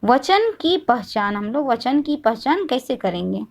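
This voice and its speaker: A woman's voice: on the high side, sing-song, unhurried, creaky. A woman teaching a grammar lesson, explaining step by step and answering her own questions. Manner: often says "thik hai" to check understanding.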